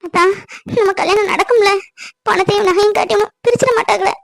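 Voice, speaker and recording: A performer doing a young cartoon bride-to-be, her voice pitched very high and running along quickly. She sounds anxious and pleading, recorded close and dry with no room sound. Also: fairly even intonation, no room sound. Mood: tearful. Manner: pleading, anxious, breaks into tears. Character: worried young bride-to-be, tearful and earnest. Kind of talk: cartoon voice acting.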